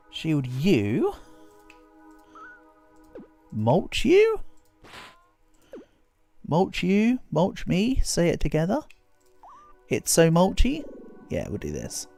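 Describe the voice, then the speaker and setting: This game streamer's voice sits high and a little mellow. He rambles through casual livestream chat, chatty and self-deprecating, with a slight congestion that hints at an oncoming cold.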